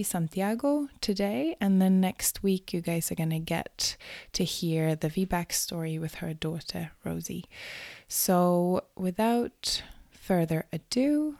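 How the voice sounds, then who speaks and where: A woman hosting a podcast, talking softly and sometimes dropping to a near whisper between cheerful greetings. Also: on the low side, no room sound, studio quality. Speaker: podcast host. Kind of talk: podcast interview.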